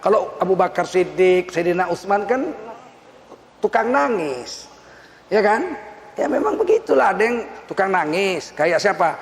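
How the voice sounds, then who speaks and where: A man preaching a lively, humorous sermon, teasing and laughing as he mimics the people he mentions. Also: high-pitched, unhurried. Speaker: Islamic preacher. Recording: echoey hall, faint ambience.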